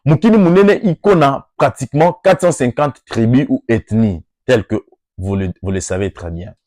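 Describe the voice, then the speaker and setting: Speaking for an NGO, a man from the Democratic Republic of the Congo addresses workers in an oratorical style that builds to emphatic rising peaks. His first language is Lingala or Swahili, and he has a Congolese French accent. His mid-range, darkish voice moves at normal speed, recorded dry with clean studio sound.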